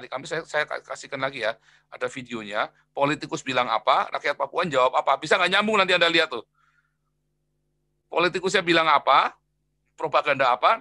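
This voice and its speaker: A man preaching a sermon in a lively, colloquial way, switching between quiet asides and loud exclamations and repeating phrases for emphasis. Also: a little high, no room sound. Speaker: pastor.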